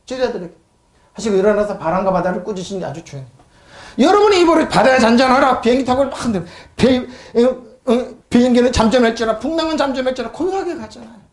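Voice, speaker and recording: A woman's voice: on the high side, fast talker, echoey room. A woman pastor preaching a sermon and reading scripture, emphatic and full of rhetorical questions to the congregation.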